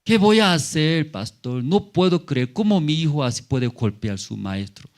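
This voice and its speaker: A man's voice: a little high, very animated, normal speed, voice pushed up. Male preacher doing a fretful mother on the phone, pleading, voice jumping about, in a sermon retelling. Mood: anxious pleading. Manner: pleading, insistent. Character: worried mother calling her pastor.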